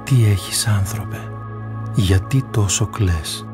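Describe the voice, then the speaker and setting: A man voicing a kind male divine figure who speaks gently and consolingly. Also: on the low side, over music, lightly acted.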